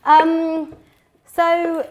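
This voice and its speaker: A woman's voice: very high-pitched, monotone, drawn-out words, background noise. A woman from Birmingham in her thirties, a company founder chatting casually while cooking in a home kitchen, full of fillers and restarts. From England (Birmingham).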